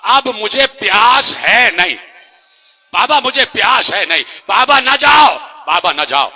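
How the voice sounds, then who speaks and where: Male preacher doing little girl, sobbing and wailing, high pleading cries in a recited lament. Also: expressive, sharp tone, husky, full character voice. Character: small girl pleading and crying for her father.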